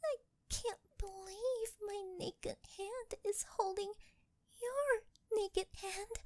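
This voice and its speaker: Playing a bashful, clingy angel turned succubus for ASMR, a young woman speaks in a very high, soft, breathy, girlish voice full of flustered ecstasy. She's coy and halting, intimate and frequently whispering, recorded dry on a close mic with no room sound.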